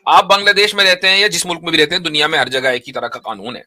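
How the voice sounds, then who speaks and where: Guy hosting a religious debate, really bright forceful voice on the higher side, argues and pokes with questions. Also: very fast. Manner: argumentative, probing, repeats points.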